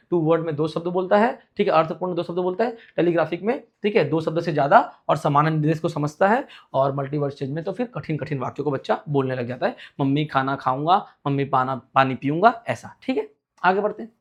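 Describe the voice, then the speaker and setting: A male teacher with a high voice delivers an exam-prep lecture, asking his students a question, answering it himself, and going over the key points again.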